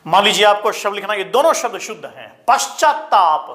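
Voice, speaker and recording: A man teaching a spelling lesson to exam students, repeating each word slowly and calling his listeners children. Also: sits high, very animated, a bit bright. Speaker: Hindi teacher.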